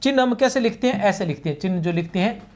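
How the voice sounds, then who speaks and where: A man's voice: sits high, expressive, fast, darkish tone. A man teaching a grammar class for exam prep. He explains patiently, checks in with his students often, and draws out key words as he writes on the board. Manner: patient, repetitive explaining, frequent "theek hai na" checks.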